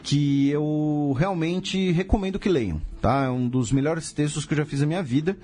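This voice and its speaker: A man's voice: on the high side, moderate pace, warm tone. A man with a Brazilian Portuguese accent, hosting a podcast and explaining history in a casual way, full of rhetorical questions and sarcastic asides.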